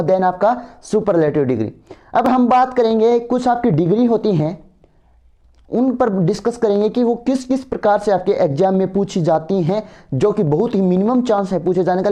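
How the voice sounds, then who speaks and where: Male grammar tutor, dark mellow voice, keeps asking "right?". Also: high voice. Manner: asks students for agreement, repeats words. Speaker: teacher. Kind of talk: exam grammar lecture.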